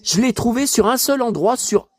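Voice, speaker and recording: A man casually vlogging about collector books, excitable and rambling, talking straight to his viewers. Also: very high-pitched, moderate pace, no echo.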